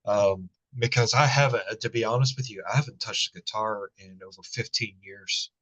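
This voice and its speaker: A man with a natural baritone voice chatting casually as a musician guest, relaxed and quick to laugh. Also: muffled recording. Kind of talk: casual conversation.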